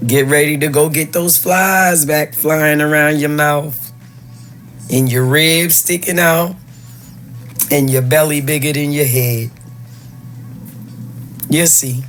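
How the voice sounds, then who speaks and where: A man's voice: a little high, steady tone, slow pace, fairly bright tone, soft background music. A man giving taunting commentary, mocking his listeners with rhetorical questions. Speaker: social media commentator.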